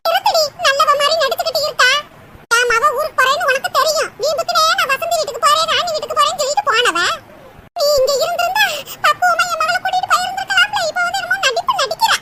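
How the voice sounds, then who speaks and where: A woman voicing a loud, scolding village mother-in-law who dotes on her daughter and berates her daughter-in-law, in a cartoon. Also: extremely high pitch, quick pace. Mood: accusing. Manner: scolding, sharp, theatrical wailing. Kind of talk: cartoon voice acting. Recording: loud background noise.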